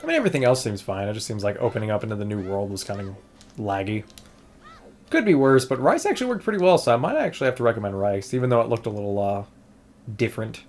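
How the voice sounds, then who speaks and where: In a casual gameplay stream, a man tests an emulator while rambling on, restarting his sentences often and noting that his voice is going. He sounds very animated, fast-talking, and a little mellow, with a fairly low pitch.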